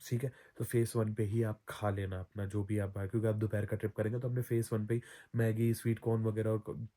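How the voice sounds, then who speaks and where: A man's voice: on the low side, little pitch movement, a little fast, dark tone. A man giving casual travel advice as a vlogger, chatty, often repeating himself and correcting his own slips. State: throat recovering from soreness.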